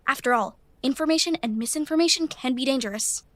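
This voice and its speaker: A woman voicing a bright, eager teenage schoolgirl who explains things like a know-it-all. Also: sits high, fast talker, no room sound.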